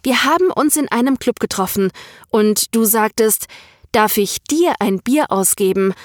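A woman voicing a direct, eager young woman in an audiobook story, speaking briskly. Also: fairly high pitch, no echo, studio quality, pitched above the performer's own voice, lightly acted. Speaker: story character.

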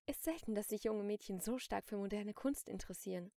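A woman reading an audiobook, voicing an adult saleswoman in an art gallery who speaks in a brisk, matter-of-fact way. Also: medium pitch, dark tone, no room sound, clean studio sound, close to an everyday voice. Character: adult female gallery saleswoman, cool then frightened.

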